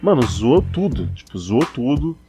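A man's voice: medium pitch, big pitch swings, a little slow, over music. A man with a Brazilian Portuguese accent from São Paulo, chatting casually and rambling with lots of slang. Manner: rambling, repeating himself, heavy on slang fillers.

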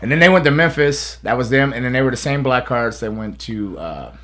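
Rambling man with a medium-pitched voice. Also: expressive, a little fast, a bit bright. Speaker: podcast host, pro wrestler. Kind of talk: casual chat.

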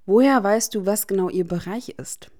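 A woman voicing a guarded, sharp-tongued teenage wizard boy with a dry, teasing manner. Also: mid-range voice, normal speed, natural voice.

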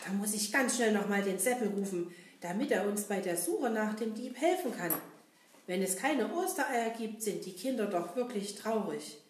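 Kasper, voiced by a woman, lively puppet hero. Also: medium pitch, a little hiss or hum, close to an everyday voice. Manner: lively, sing-song, addresses children directly. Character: cheerful brave male puppet hero Kasper. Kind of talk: children's puppet show. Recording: roomy echo.

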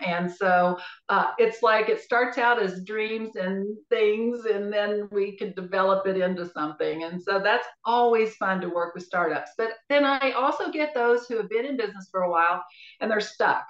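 An older woman, a business and life coach, talking casually in an interview, relaxed and rambling with many fillers. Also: medium pitch. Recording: roomy, dull-sounding audio.

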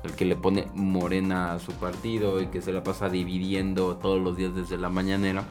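A man's voice: low-pitched, completely flat delivery, fairly quick, over music. A Mexican man co-hosting a casual political chat, sarcastic and rambling, with many restarts. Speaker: political commentary co-host.

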